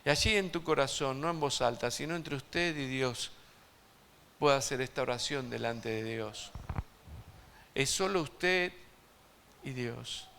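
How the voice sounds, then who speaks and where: A man preaching an evangelistic sermon to a congregation, emphatic and swinging between loud and hushed, asking his listeners direct questions. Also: medium pitch, unhurried, creaky, pauses often, slight background noise. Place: church service before a congregation.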